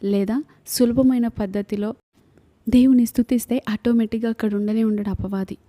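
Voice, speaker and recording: Telugu lady preacher, earnest sermon, very mellow dark tone, a bit high. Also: fairly even intonation, normal speed. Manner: earnest, repetitive exhortation with rhetorical questions.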